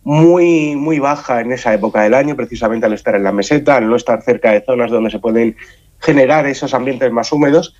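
A man's voice: medium pitch, fairly quick, darkish tone. Radio guest: Spanish man, nasal head-cold voice, explanatory and conversational, dull lo-fi sound. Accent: Spanish from Spain. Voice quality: nasal, congested. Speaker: science outreach association spokesman, radio guest. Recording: muffled, dull band-limited sound.

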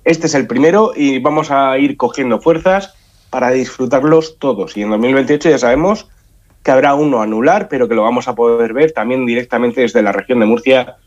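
A man's voice: medium pitch, fairly quick. Congested, nasal Spanish man, muffled sound. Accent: Spanish from Spain. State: has a head cold. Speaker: science outreach association spokesman, radio guest. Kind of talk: conversational radio interview. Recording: muffled, dull band-limited sound.

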